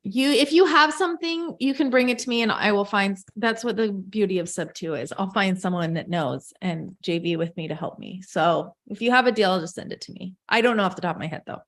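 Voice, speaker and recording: Woman coach on a video call, casual and chatty, middle pitch. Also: animated, a little fast, hardly any pauses. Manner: chatty, loose and self-correcting, talks to the group directly. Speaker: real estate coach leading a group call.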